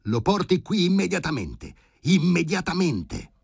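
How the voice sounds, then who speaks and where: Man playing a bossy old surgeon, shrill barked orders, jumpy lively pitch, audiobook. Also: measured pace, breathy edge, dry recording, clean studio sound, exaggerated voice. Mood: urgent. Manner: shouts urgent orders, high and strained. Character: agitated elderly male surgeon, commanding.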